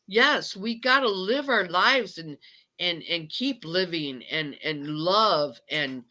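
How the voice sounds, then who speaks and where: Woman host, emotional slow rant, bright tense tone, lots of restarts. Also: fairly low pitch, expressive, rough recording. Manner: ranting, repeats itself and restarts sentences. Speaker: channel host. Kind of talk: impassioned monologue on a live chat.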